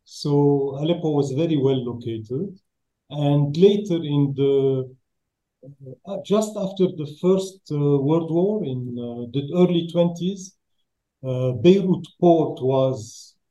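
A man with a Lebanese accent telling stories as an interview guest, halting as he searches for English words. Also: on the high side, warm tone, lo-fi sound. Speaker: interview guest, roofing business owner. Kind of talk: conversational storytelling in an interview. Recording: echoey room sound.

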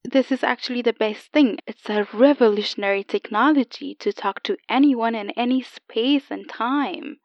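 A woman playing a calm AI copy of an older woman, heard over an old telephone line, explaining patiently and a little haltingly. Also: on the high side, no room sound. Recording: dull lo-fi phone sound, dry.

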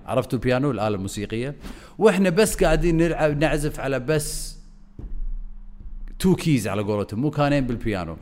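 A man giving an energetic video lesson as a content coach, swinging his voice up and down on purpose. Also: mid-range voice.

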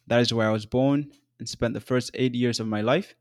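Man in his twenties, from South Sudan, podcast host; measured and earnest, average pitch, dry close-mic read. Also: steady tone, dry recording. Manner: measured, earnest, with occasional fillers. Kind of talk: scripted solo podcast narration.

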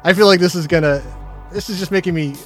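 A man's voice: sits high, fast, soft background music. A man hosting a casual film chat podcast, talking in a jokey way with touches of mock-formal showman patter. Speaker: podcast host.

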